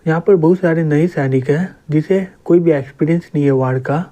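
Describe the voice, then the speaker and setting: A man reading the part of a calm, confident young male city lord in a comic recap. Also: on the high side, brisk, lightly acted. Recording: dull lo-fi recording.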